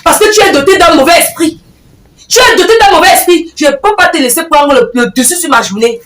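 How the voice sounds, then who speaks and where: A woman's voice: sits high, expressive, fast talker. A woman, acting an exasperated married younger sister in a comedy sketch, scolding and lecturing emphatically. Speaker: comic actress. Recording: roomy, from a distance, faint music.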